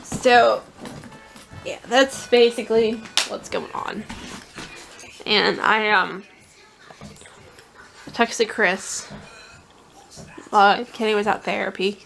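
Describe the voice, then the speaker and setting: A woman's voice: medium pitch, steady tone, measured pace, gravelly, long pauses, a bit bright, a little hiss or hum. A young woman telling a vlog audience about a stressful day at work, emotional and rambling, close to tears. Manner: emotional, tearful, rambling with restarts. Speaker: vlogger. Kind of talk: casual confessional vlog.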